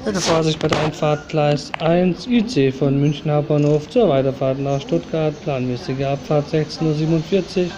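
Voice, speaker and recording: A man giving train commentary in the flat, formulaic manner of a platform announcement, outdoors at a station. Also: a little high, moderate pace, few pauses, crowd noise, poor audio. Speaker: train-spotting video maker and commentator. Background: loud ambience and vehicle noise.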